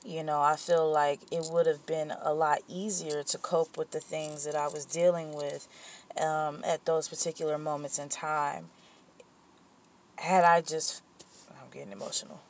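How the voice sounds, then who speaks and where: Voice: medium pitch, level tone, moderate pace, slight background noise. Candid, rambling vlogger venting. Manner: candid and rambling, with frequent fillers and self-corrections; blunt and profane when heated. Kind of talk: personal vent session, casual monologue.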